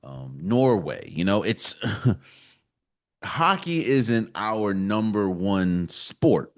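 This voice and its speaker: A man hosting a solo sports podcast, with a lowish voice that swings widely in pitch. He talks through his opinions with emphatic, animated energy, like someone commenting on the games he follows. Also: extremely slow. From United States. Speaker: podcast host.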